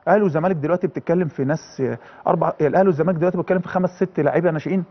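Fast-talking Egyptian footballer in his thirties. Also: fairly high pitch, muffled recording. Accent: Egyptian Arabic. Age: 30s. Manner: earnest, halting with many restarts. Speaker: footballer guest. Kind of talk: casual TV interview.

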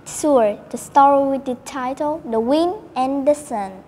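High-voiced cheerful woman co-host. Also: a little slow, a little mellow, big-room sound. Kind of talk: scripted show hosting.

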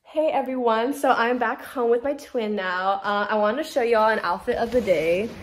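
A woman's voice: on the high side, normal speed. A young woman with a bubbly, girly manner, narrating a casual vlog to camera on a handheld phone. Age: young adult. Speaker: college student vlogger, sorority rush chair. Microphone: phone or camera at arm's length. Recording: noisy handheld vlog, room and street ambience.

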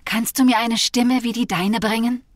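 A woman voicing a vain, lonely female rattlesnake with a slow, rough, hissing voice in a video game fable. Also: on the high side, dry recording, clean studio sound, voice pushed up, close to an everyday voice. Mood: pleading. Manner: pleading, flattering, then bitter.

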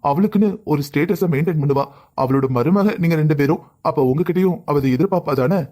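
A man voicing a kind older father-in-law who talks gently and reassuringly in a cartoon family drama. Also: fairly high pitch, fast, lightly acted. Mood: soothing. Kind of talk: cartoon voice acting.

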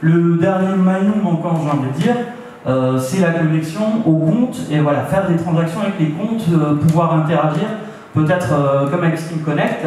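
A man's voice: on the high side, dark tone, slight background noise. A young man giving a talk at a meetup into a handheld microphone, hesitant with many fillers and restarts. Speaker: meetup speaker. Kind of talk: presentation talk. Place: meeting room with audience. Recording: echoey room, from far off.

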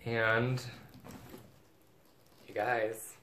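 A man's voice: medium pitch, flat delivery, extremely slow, bright, forceful tone. A man chatting casually as a vlogger, gushing and chatty as he shows off bags. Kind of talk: casual unboxing chat. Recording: echoey room with faint background noise.

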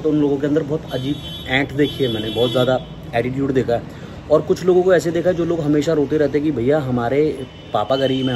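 On the rooftop and open balcony of an unfinished building, a young man vlogging about fitness speaks casually to camera, explaining things straight to his audience. His voice is a little high, and clear background noise of the outdoors and traffic comes through.

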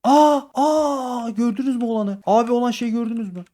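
A man giving excitable live gameplay commentary as a gaming YouTuber, talking to his viewers as friends and repeating words in sudden bursts. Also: very high voice, fast talker.

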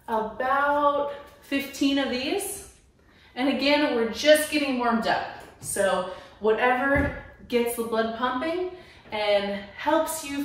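Slow-talking woman coaching a home workout. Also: a little high. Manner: encouraging, coaching while moving. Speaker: fitness trainer. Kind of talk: workout instruction. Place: small room at home. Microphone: camera at a distance. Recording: very echoey room, far from mic.

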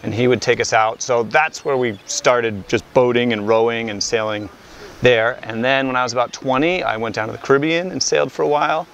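A middle-aged man from Cape Cod, a ship captain, talks in a relaxed, plain-spoken way with a dry bit of humor. His voice sits in an ordinary middle pitch, picked up on a lapel mic on an open deck with faint outdoor noise. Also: fairly quick, creaky. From Cape Cod, USA. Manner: easygoing, plain-spoken, wry. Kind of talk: casual interview. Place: outdoors on a wooden schooner deck. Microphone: lavalier.

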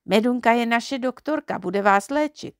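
A woman's voice: on the high side, dry recording, studio quality, voice pushed up, natural voice. A woman voicing a fussy, bossy little girl in a children's storybook reading, chiding and teasing. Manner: chiding, quick to scold and tease.

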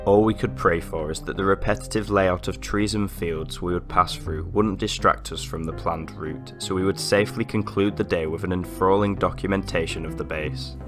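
A man with a very low voice narrates in a measured, formal, scripted way. A little music plays softly beneath his words. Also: fairly even intonation. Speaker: channel narrator. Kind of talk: scripted documentary voice-over.

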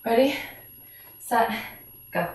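High-pitched woman aerobics instructor counting reps. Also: lively intonation, takes it slowly, darkish tone. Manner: encouraging, exerting herself through exercises. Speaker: fitness instructor leading a home workout. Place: small home workout room, indoors. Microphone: camera several feet away. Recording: roomy echo, distant mic, background noise.

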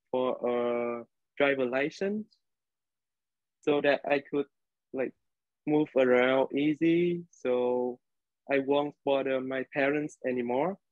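Over a laptop webcam on a video call, a young college student from Vietnam recounts a class story in a medium-pitched, somewhat dark voice, hesitating often and using many fillers. He speaks with a Vietnamese accent from indoors in his living room, and the audio is dry and tinny.

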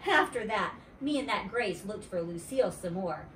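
A woman reading a children's story aloud at storytime in an animated, playful way. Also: mid-range voice, moderate pace, recorded from a distance, a little hiss or hum. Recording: roomy, away from the mic.

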